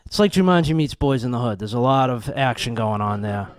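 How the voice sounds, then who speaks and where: A man doing a stand-up set, telling exasperated, profane stories with animated outbursts. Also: mid-range voice, a little fast, no echo, clean studio sound. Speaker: stand-up comedian.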